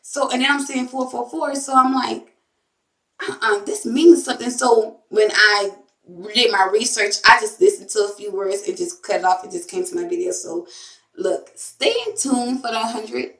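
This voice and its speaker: A woman's voice: a little high, fairly even intonation, moderate pace, a bit bright, echoey room, far from the mic, poor audio. A woman hosting a spiritual tarot channel, talking casually and emphatically to her viewers, repeating phrases and using everyday slang.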